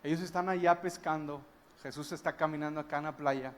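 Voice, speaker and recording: A man's voice: fairly high pitch, fairly even intonation, a little fast. A man preaching a sermon as a guest pastor, retelling a story emphatically and breaking into wondering exclamations.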